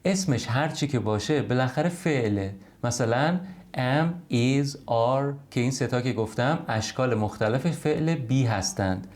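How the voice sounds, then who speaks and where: Male language tutor, patient step-by-step explainer, mid-pitched voice, online lesson. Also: a little mellow. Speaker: English teacher.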